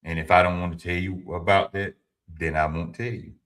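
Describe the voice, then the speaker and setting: Man in his fifties, low and forceful, livestream host with a preachy advice style. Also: fairly even intonation, brisk. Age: 50s. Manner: informal and preachy, repeats his points; speaks to viewers directly, answers chat. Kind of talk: motivational talk to a live audience.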